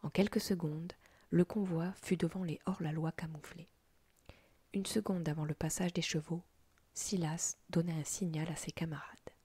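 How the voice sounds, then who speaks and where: A woman telling a story as a whispered role-play, in a breathy unvoiced whisper with soft, slow delivery. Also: deep voice, steady tone, no room sound.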